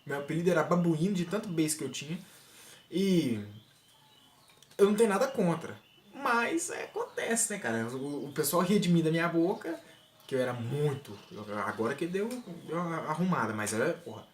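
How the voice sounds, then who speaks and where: A man's voice: fairly high pitch, moderate pace. A young man telling a comic personal anecdote, acting out scenes and laughing as he goes. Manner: animated, laughs through the story, acts out scenes. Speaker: storyteller vlogger. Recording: roomy echo, faint noise.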